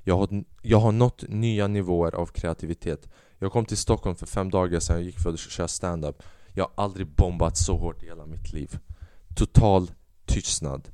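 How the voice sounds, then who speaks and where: Animated low-voiced man telling a story. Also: clear, resonant tone, dry recording, studio quality. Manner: animated, swearing, acts out quoted voices. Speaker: podcast host; stand-up comedian. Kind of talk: casual storytelling monologue.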